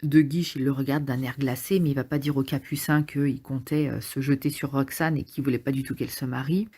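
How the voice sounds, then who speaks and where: A woman's voice: very deep voice, fairly even intonation, fairly quick, warm tone, husky. A woman casually summarizing a play aloud, hesitant and thinking as she goes, with frequent fillers. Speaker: literature summarizer.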